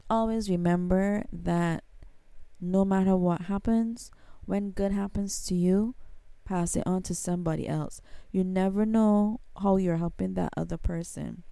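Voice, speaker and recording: A Barbadian woman speaking in a lowish, gravelly voice with a mellow, relaxed tone. She chats casually to her viewers, calling them guys and filling pauses with ums. The sound is dry and close. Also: no echo. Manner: chatty, addresses viewers as guys, many ums. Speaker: spiritual vlogger. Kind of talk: casual spiritual talk.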